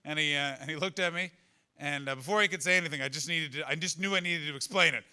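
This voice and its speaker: Bright, forceful male stand-up comic doing crowd work. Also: a little high, fast, clear, resonant tone. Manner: conversational, profane, teasing the audience. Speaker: stand-up comedian. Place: live comedy venue with an audience.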